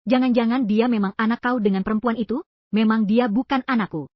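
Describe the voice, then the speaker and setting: Woman dubbing a drama role, high voice, emotional, confrontational, dry close mic. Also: brisk, dry recording, muffled recording, close to an everyday voice. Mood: accusing. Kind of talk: dubbed drama dialogue.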